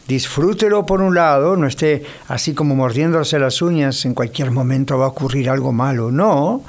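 Guy pastor doing a radio sermon, bit high voice, chatty, talks right to you. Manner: conversational, addresses the listener directly. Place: United States.

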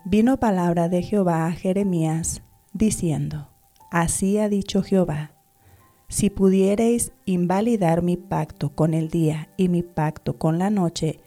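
A woman giving a measured, steady reading of scripture aloud. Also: fairly low pitch. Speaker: Bible reader. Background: soft background music.

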